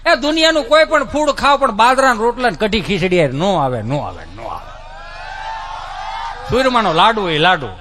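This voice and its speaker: A man's voice: high voice, very animated, normal speed, noisy background. A man, telling folksy stand-up stories and mimicking relatives and children. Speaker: stand-up comedian.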